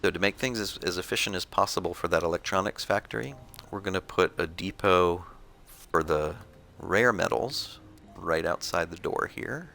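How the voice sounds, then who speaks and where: A man giving relaxed, explanatory commentary on his own gameplay, thinking aloud as he plays. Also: low voice, moderate pace, creaky.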